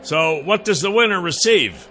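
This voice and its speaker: A man's voice: sits high, expressive, moderate pace, bright, forceful tone, slight background noise, pitched above the performer's own voice. Man playing a blunt dragon-man hero. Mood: wary.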